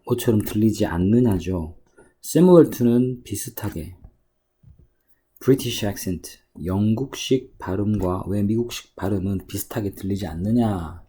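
A man teaching English at a cram school, walking through an exam passage by reading English phrases slowly and then explaining them. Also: on the low side, dark tone, slightly rough. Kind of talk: exam passage walkthrough lecture. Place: cram school lesson recording.

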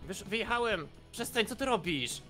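A young man giving excited co-op gameplay commentary, often bursting into laughter. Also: high-pitched, normal speed, soft background music. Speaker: gaming YouTuber.

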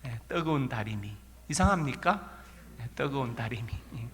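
A male pastor with a Korean regional accent preaches in a church sanctuary, his mid-range, fairly bright voice animated and at a normal speed. He tells folksy stories and asks rhetorical questions, with long church reverb on the recording.

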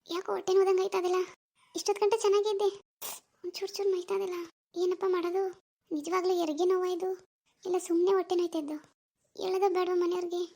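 A woman voicing a young pregnant village woman in labour pains in a cartoon, soft and pleading. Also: extremely high pitch, level tone, quick pace, pauses often. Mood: worried. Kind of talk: cartoon voice acting.

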